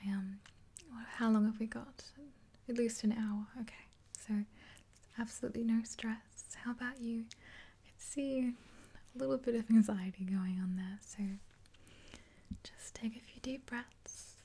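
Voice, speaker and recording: Her whisper is breathy and mellow, pitched fairly high, and delivered right at the microphone. The speaker is an ASMR creator in her twenties playing a makeup artist friend, facing the camera in a small, dark-backdropped room. She keeps things even and unhurried with small hesitations, as in a soothing one-sided chat with a friend.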